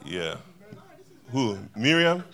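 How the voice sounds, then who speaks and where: A man's voice: medium pitch, sing-song, extremely slow, sharp tone. A man preaching a sermon to a church congregation in a loose, conversational way, joking and chatting with the people in the pews. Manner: conversational, laughing, banters with congregation.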